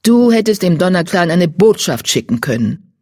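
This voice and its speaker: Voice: mid-range voice, big pitch swings, moderate pace, darkish tone, no room sound, studio quality. A reader voicing a stern elder she-cat who speaks curtly and reproachfully, raised above the narration. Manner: curt, reproachful.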